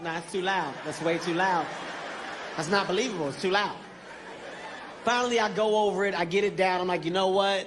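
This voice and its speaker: This is a male comedian spinning a story on stage, animated and acting out every character. His voice sits high. The sound is reverberant and noisy, like a big club. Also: brisk, long pauses, crowd noise. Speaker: stand-up comedian. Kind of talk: stand-up storytelling.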